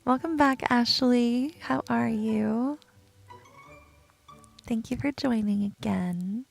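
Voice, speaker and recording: A woman streaming a video game in a slow, unhurried and gravelly voice, giggling often and greeting viewers by name. Faint music plays behind her. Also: fairly high pitch. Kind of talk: casual live-stream chat.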